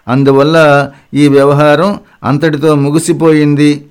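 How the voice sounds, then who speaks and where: Male audiobook narrator, slightly higher voice, clean and resonant, even memoir reading. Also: smooth. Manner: steady, measured first-person reading.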